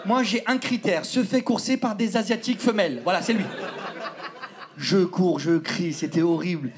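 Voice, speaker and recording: A young man telling a stand-up story on stage, animated, acting out voices and sometimes shouting. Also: high voice, normal speed. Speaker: stand-up comedian. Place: theater stage before a live audience. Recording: live show with loud laughing crowd and noise.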